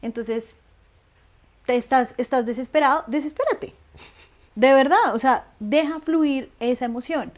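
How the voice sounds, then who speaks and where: A woman, chatting as an interview guest in an animated way, laughing often. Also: high voice, a little slow. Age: 30s. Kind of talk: casual conversational interview.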